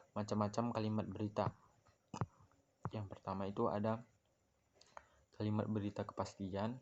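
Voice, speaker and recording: A young man presents a class lesson, reading steadily from his notes and correcting the odd stumble. His voice sits low and barely moves in pitch. The recording is dull and lo-fi. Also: a little mellow. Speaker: student presenting a class assignment. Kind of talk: read-aloud lesson on grammar.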